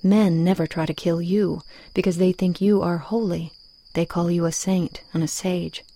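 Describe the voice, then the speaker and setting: Woman as a sly, mellow storybook hyena. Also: on the low side, fairly even intonation, normal speed. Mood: sly, persuasive. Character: sly, persuasive hyena from a fable. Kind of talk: storybook reading.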